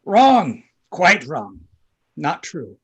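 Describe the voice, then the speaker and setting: A man's voice: a little high, sing-song, very slow, slightly rough, dull audio, exaggerated voice. A man playing a smug elderly tycoon who talks with pompous condescension in a comedy script reading. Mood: condescending. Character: smug elderly male tycoon, self-styled visionary.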